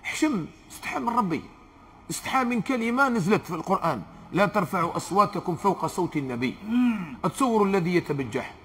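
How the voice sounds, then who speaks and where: A man with an Algerian Arabic accent delivers a sermon at a brisk clip. His voice sits high for a man, and he drives his points home by repeating short phrases with earnest insistence. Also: lively intonation, a bit bright, a little hiss or hum. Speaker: preacher.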